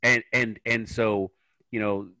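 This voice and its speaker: Bright, dry-sounding man in discussion. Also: fairly low pitch, flat delivery, takes it slowly, no echo. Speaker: salesman, roundtable participant. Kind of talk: casual meeting discussion.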